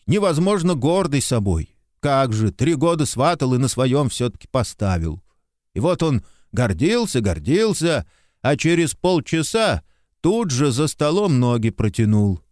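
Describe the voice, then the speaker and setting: A man giving voice to a nervous, talkative soldier, spinning yarns and whining softly. His pitch jumps about with animation. The recording is dry and close. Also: no room sound. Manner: rambling storyteller, apologetic and plaintive. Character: chatty timid male soldier, talkative and guilty. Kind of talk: audiobook character reading.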